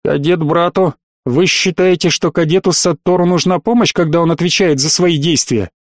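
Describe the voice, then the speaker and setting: A man's voice: fairly high pitch, normal speed, no room sound, lightly acted. A stern military colonel, voiced by a male narrator, interrogating in a cold, hard tone. The audiobook recording is close and dry.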